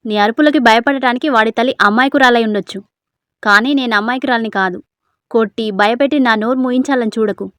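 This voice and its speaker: A woman's voice: on the high side, brisk, dark tone, dry recording, studio quality, natural voice. A woman reading a story aloud, voicing a young wife who fiercely accuses her husband and protects a small boy. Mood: accusing. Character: angry young wife defending a little boy.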